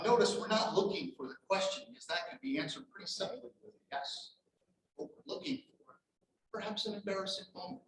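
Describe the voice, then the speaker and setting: A man's voice: sits high, fairly bright tone, slight background noise, poor audio. A man hosting a speaking club meeting, casually encouraging members to share short stories. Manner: encouraging, casual, repeats words. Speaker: table topics master at a speaking club meeting.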